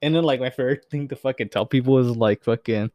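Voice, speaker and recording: A man's voice: medium pitch, fast talker, darkish tone, a little hiss or hum. A young man hosting a podcast, chatting loosely with lots of fillers and swearing. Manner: loose, profane, filler-heavy rambling. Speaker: podcast host. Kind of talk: casual chat.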